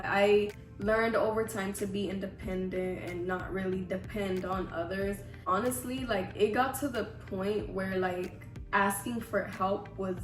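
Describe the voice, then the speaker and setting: A woman in her twenties talks to viewers in an informal, self-deprecating vlog style. Her mid-range voice sounds affected by a cold. The room is echoey, and music plays underneath. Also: medium pitch. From Houston, Texas, USA. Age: 20s. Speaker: vlogger. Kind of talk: casual chatty Q&A to viewers.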